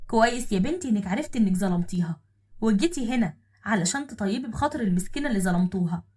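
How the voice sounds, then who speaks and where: A woman with an Egyptian accent voicing a kindly older mother who gently admonishes and forgives. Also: mid-range voice, animated, very fast, lightly acted.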